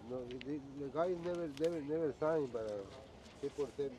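A man selling at a flea market stall, explaining his goods in halting, repeated phrases. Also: on the high side, noisy background.

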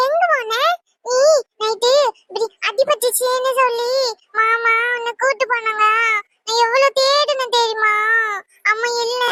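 A woman's voice: extremely high pitch, heavy background noise. A woman voicing a small toddler boy in a cartoon, with babyish speech and tearful pleading. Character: small chatty little boy, toddler talk. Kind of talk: cartoon voice acting.

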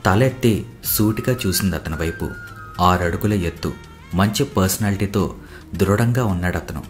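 Deep male narrator for a novel, even delivery, soft music under. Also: normal speed. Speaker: audiobook narrator. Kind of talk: scripted narration.

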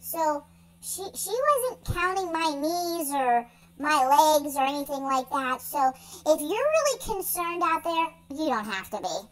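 A woman's voice: high-pitched, big pitch swings, a little slow, low-quality recording. Woman voicing a sweet, stammering young dog. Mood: chatty. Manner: stammering, rambling, earnest. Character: naive young male dog, big fluffy, sweet-natured. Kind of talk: pet voice-over monologue.

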